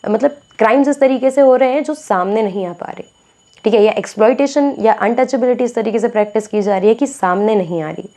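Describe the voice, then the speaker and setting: A woman's voice: a little high, brisk, warm tone. A young woman teaching a school civics lesson in a conversational way, often checking in with her students and mixing English terms into her explanations. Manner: conversational, mixes English terms into Hindi, frequent "theek hai" check-ins.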